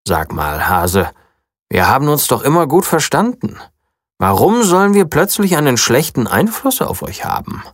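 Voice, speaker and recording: A man's voice: mid-range voice, sing-song, normal speed, no echo, studio quality, pitched above the performer's own voice. A storyteller voicing a curious, stubborn male dog in a children's story, determined and at times scolding. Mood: earnest.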